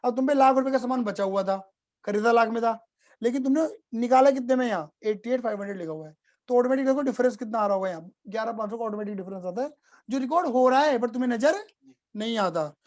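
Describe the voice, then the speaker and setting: Male tutor, relaxed classroom explainer, checks in with students constantly. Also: very high-pitched, fast talker. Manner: casual, repeats points, asks students if clear. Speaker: accounts teacher. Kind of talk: live online class explanation.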